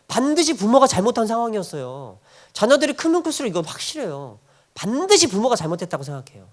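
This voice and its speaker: A middle-aged male pastor delivers a sermon in a high-pitched voice that leaps up and down with lively intonation. He preaches in a conversational, animated way, firing rhetorical questions at the congregation and chuckling between points.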